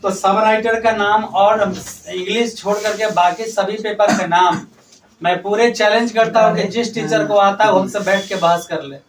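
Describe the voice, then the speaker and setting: A man's voice: high-pitched, fairly even intonation, normal speed, recorded from a distance. A male teacher questioning students orally, teasing and challenging them. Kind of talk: oral exam questioning in class. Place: classroom. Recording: roomy classroom from afar, faint noise.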